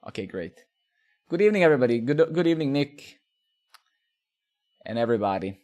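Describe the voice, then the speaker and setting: Streamer, man, mid-30s, from Serbia, rambling casual chat with swearing and fillers, mid-pitched. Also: sing-song, a little fast, a little mellow, soft background music. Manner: rambling, lots of filler, swears, asks "right?". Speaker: live-coding streamer. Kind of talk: casual chat while coding.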